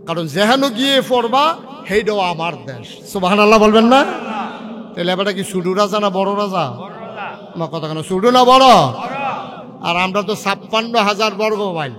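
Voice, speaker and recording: High-voiced preacher with a lilt. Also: male voice, fairly bright tone. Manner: scolds and jokes with the crowd, storytelling. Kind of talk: humorous Islamic sermon.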